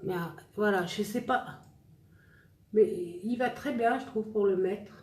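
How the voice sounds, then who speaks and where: During a relaxed makeup livestream, a vlogger talks to her viewers while applying a look, cracking self-deprecating jokes as she goes. Her voice is medium-pitched and darkish, her pace unhurried, and the room reverberant.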